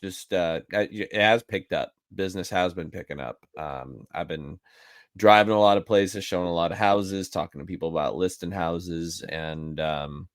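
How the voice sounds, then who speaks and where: Low-voiced relaxed man, dry podcast mic. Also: moderate pace, no echo. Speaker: podcast co-host, real estate agent. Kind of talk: casual podcast chat.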